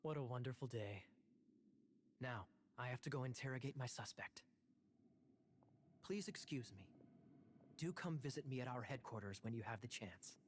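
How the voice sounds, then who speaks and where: An actor playing a suave, sarcastic young knight in a video game, speaking smoothly and teasingly. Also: male voice, medium pitch, moderate pace, long pauses, slight background noise, lightly acted. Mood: sly.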